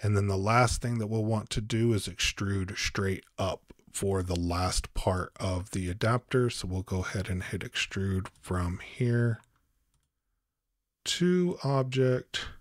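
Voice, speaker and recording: A man giving a calm step-by-step software tutorial as host, with frequent ums. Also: lowish voice, slow pace, no room sound, studio quality. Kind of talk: screen-recorded software tutorial.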